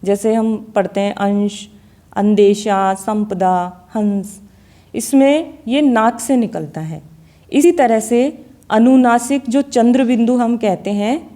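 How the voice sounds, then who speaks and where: A woman teaching a Hindi grammar lesson on vowel pronunciation, speaking deliberately and repeating example words to show each sound. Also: a little high, mellow.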